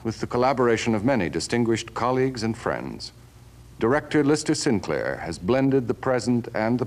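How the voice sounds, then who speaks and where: A man announcing a scripted broadcast introduction in a formal, measured way. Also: on the low side.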